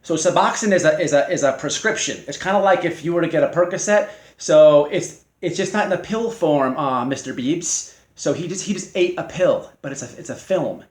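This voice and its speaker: A man hosting his own channel, delivering a mocking, confrontational response to a rival in halting speech full of fillers and restarts. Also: on the high side, reverberant. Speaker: channel host.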